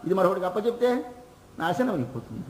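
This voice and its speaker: A man's voice: sits high, very animated, roomy sound, low-quality recording. A man with a Telugu accent giving a devotional sermon, asking questions and answering them himself. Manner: asks and answers his own questions; chants verses in a slow singsong. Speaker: religious discourse speaker.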